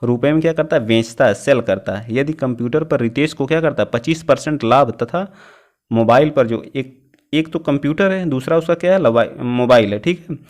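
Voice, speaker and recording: Male math teacher, exam-prep lesson, quizzes the class and talks through each calculation, mid-pitched. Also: a little mellow. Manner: keeps asking the class questions and answers them himself, "ठीक है" after each step; reads out numbers slowly while working them out.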